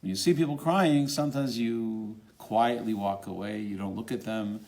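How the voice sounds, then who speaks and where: A man telling a religious story aloud, animated and rising in pitch for quoted dialogue, with fillers and restarts. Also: moderate pace, creaky. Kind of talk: spoken storytelling.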